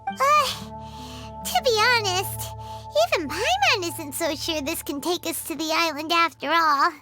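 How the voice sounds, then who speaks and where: A woman voicing a tiny, chirpy, frank fairy companion with a squeaky childlike voice in a video game. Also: animated, unhurried. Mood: frank, coaxing. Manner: squeaky, refers to self in third person. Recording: loud music behind the voice.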